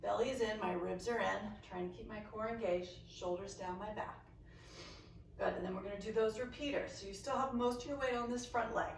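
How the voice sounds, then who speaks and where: A woman's voice: mid-range voice, steady tone, fairly quick, creaky, roomy sound, far from the mic, a little hiss or hum, rough recording. Woman fitness instructor counting reps. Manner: encouraging, counts reps aloud. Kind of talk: guided workout instruction.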